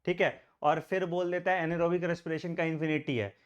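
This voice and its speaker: A man's voice: on the high side, level tone, moderate pace, clean tone, highs cut off. A middle-aged man teaching exam biology to camera, addressing students fatherly as "beta" and checking in often. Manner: fatherly, calls students beta, frequent tag "theek hai". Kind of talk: exam prep lesson to camera.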